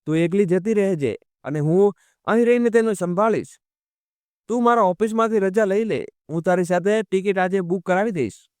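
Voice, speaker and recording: A patient, gentle husband in an audio story, voiced by the narrator. His voice is high for a man and smooth, recorded close and dry. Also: moderate pace, no room sound, close to an everyday voice. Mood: soothing. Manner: soothing, explaining tone.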